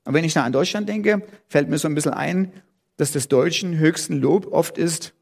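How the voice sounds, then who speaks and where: A middle-aged man preaching a sermon as pastor, talking conversationally with many fillers and lively quoted voices. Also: on the high side, normal speed, gravelly, breathy edge. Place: church hall. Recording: long reverb of a church hall.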